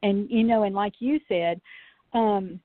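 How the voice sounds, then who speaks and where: A woman guest who researches UFOs, telling anecdotes in a chatty, animated way full of fillers. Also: medium pitch, a little slow, no room sound. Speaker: podcast guest, UFO researcher. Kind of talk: casual storytelling in a call-in interview. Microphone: phone. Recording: tinny, dry phone line.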